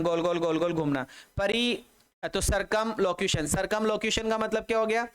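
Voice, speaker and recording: With a high, clear, resonant voice, an Indian-accented man runs an online vocabulary lesson in Hindi. Each English word gets said again and again and spelled letter by letter, and he drills students to repeat it aloud.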